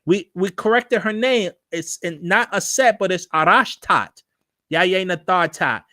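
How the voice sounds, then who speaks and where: A man hosting a live stream, teaching and answering viewer questions, often repeating himself and slowly chanting invocations. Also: high-pitched, bright, forceful tone, no echo. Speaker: host of a live religious show.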